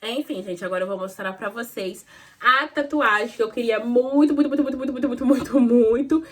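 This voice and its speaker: A young woman talks straight to the camera in a casual vlog and tells a long story in a rambling, chatty way. Her voice sits a little high and has a slight husky edge. She talks fast. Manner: chatty, rambling, often says "gente" and "falei assim". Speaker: vlogger.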